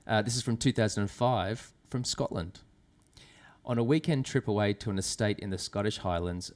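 Low-voiced man reading film plots. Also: a little mellow. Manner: reads out film synopses, laughs at his own lines. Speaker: returning podcast guest. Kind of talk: casual podcast chat.

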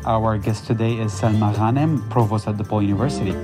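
Guy hosting a podcast, friendly intro, soft music underneath. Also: fairly low pitch, quick pace. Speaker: podcast host.

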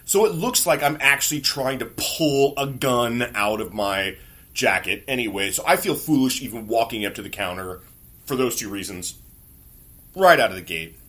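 A man's voice: medium pitch, animated, normal speed, fairly bright tone. A man hosting a podcast, telling casual comedic stories about himself, swearing freely and poking fun at himself. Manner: frequent swearing, wry self-mocking. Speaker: podcast host.

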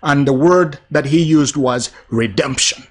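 A man's voice: a little high, measured pace, husky. A middle-aged man from Uganda hosting a broadcast, preaching a sermon in an earnest, repetitive cadence. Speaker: preacher and TV host.

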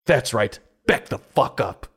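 A man's voice: on the low side, lively intonation, unhurried, slightly rough, heavily acted. A man voicing a grumpy, defensive groundhog celebrity in a comedic storybook review, complaining and blustering with profanity. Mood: defensive, threatening.

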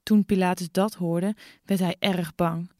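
A woman narrating a dramatized scripture reading in a measured, clear way. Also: on the low side, fairly even intonation, warm tone, dry recording, clean studio sound. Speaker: scripture reader.

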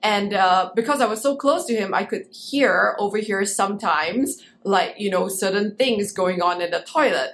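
A woman co-hosting a casual podcast as a coach, talking in a lively, quick way and laughing often. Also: mid-range voice.

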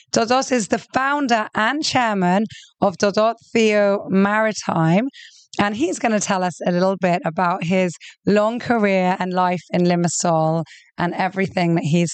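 A woman's voice: medium pitch, smooth, dry recording. A woman hosting an interview, asking eager, curious follow-up questions. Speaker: host. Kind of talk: interview conversation.

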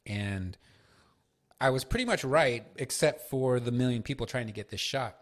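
A man's voice: mid-range voice, normal speed. A man hosting a solo podcast, telling loose, profane stories with lots of fillers. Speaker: podcast host.

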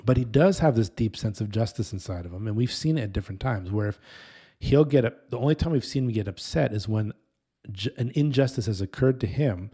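A man in his thirties preaching casually, telling a story in an animated, rambling way that often breaks off and restarts. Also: lowish voice, brisk, slightly rough. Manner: animated, rambling, self-interrupting. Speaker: pastor.

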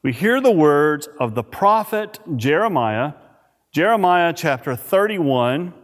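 A pastor preaching a sermon at a pulpit microphone in a church, reading scripture and praying in a measured, emphatic way. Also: male voice, on the high side, expressive. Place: church sanctuary. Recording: reverberant church hall.

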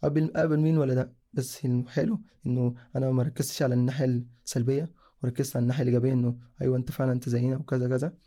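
Rapid-talking young man from Sudan. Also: medium pitch, flat delivery, dark tone. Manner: rambling, casual, with self-corrections. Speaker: guest sharing a personal story. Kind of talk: casual personal storytelling.

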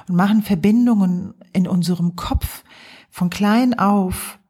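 A woman psychologist and coach hosting her podcast, talking gently and thoughtfully with pauses in a calm reflective monologue. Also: fairly low pitch, slightly rough. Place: home, early morning.

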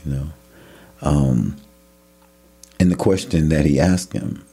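A man's voice: extremely low pitch, takes it slowly, breathy edge, soft background music. A man in a casual Bible discussion, talking loosely and acting out imagined bystanders. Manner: animated, acts out imagined voices in a rising tone. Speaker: Bible study co-host.

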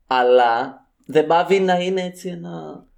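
A young man from Cyprus, co-hosting a casual chat in a relaxed, measured way. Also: fairly high pitch, creaky, a loud crowd.

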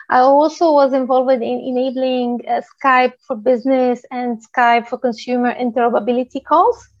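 A woman from Tunisia in her thirties gives a presentation on product work, pausing often with "uh" as she explains step by step. Her voice sits a little high. The recording is dry and slightly dull. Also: dry recording. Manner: steady explanatory delivery with frequent "uh" pauses. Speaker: guest speaker, product manager. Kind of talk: presentation talk.

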